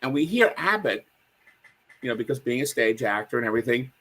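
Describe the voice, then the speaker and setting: Brisk and husky, this man speaks in a mid-range voice as a guest on a chat show. He's an animated storyteller, recounting comedy history in casual chat and performing the lines himself.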